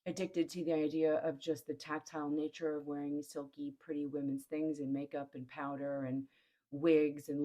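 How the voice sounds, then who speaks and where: Very deep-voiced woman, blunt and frank. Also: darkish tone. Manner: blunt, matter-of-fact, listing items one by one. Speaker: host. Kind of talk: frank explanatory monologue.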